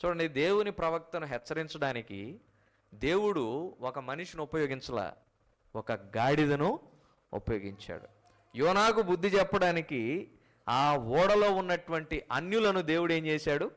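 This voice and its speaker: Resonant higher-voiced male preacher. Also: expressive, a little slow, pauses often. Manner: fires rhetorical questions at the congregation; addresses listeners directly as mothers and fathers. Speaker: pastor. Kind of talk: sermon.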